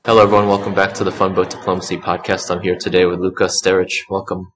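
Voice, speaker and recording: A man's voice: low-pitched, level tone, quick pace, fairly bright tone, a little hiss or hum. A young man hosting a podcast, chatting casually in a rambling, laid-back way. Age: young adult. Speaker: podcast host, student.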